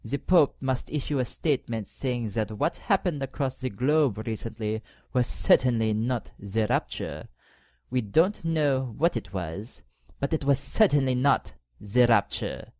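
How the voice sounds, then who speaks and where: An actor playing a power-hungry cardinal who talks to the pope in a condescending, mock-polite way in an audio drama. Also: male voice, medium pitch, lively intonation, measured pace, a little mellow, no room sound, clean studio sound, natural voice. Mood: sneering.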